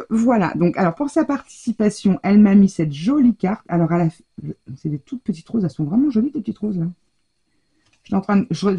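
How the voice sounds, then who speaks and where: Woman opening fan mail at her craft table, raspy soft voice, lots of euh and hein. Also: lowish voice. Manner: chatty, gushing, many fillers. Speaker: craft channel host. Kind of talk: casual chat opening mail. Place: home craft room, shutter half closed. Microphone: overhead table camera.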